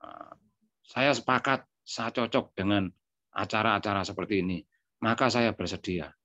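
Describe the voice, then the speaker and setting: A man's voice: lowish voice, normal speed, bright, forceful tone, no room sound. A man telling a personal story, acting out bits of dialogue, with frequent filler words. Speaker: speaker giving a testimony. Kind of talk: spoken reminiscence. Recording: dry, dull lo-fi sound.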